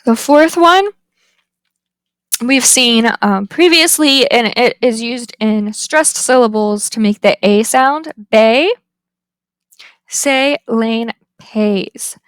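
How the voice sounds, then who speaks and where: A woman with a fairly high voice gives a phonetics lesson at an unhurried, careful pace. She lingers over each example word. The sound is dry and close, with no room echo. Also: a bit bright, clean tone. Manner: slow and deliberate, drawing out example words. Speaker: phonetics instructor. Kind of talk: slide-based lecture.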